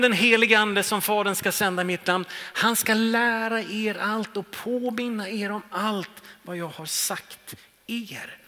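A man preaching a sermon with rhetorical questions, his voice dipping soft and swelling again. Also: high-pitched. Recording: long hall reverb.

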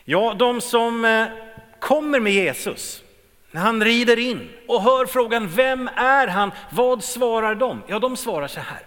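A middle-aged man preaches a sermon in a bright, high voice. He swings from loud, emphatic lines down to quiet, low ones, and his words ring out with a long hall reverb. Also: lively intonation.

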